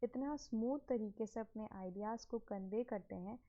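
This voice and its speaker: A woman's voice: on the high side, moderate pace, dark tone. Woman teaching, lo-fi sound. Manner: mixes English phrases into Urdu, asks and answers her own questions. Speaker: English teacher. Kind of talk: explaining a slide lesson.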